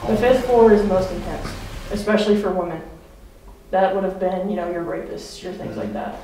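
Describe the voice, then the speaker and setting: A woman's voice: fairly low pitch, fairly quick, warm tone, faint music behind. A woman giving casual, explanatory talk as a tour guide on a ghost-hunting vlog. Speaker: tour guide of a haunted building. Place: large bare rooms and corridors of an abandoned building at night. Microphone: camera mic from a distance. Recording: echoey, distant camera sound with faint noise.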